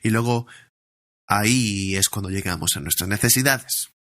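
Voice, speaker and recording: A man's voice: on the low side, normal speed, fairly bright tone. A man preaching a sermon as pastor, earnestly drawing out scripture lines and repeating phrases as he builds each point.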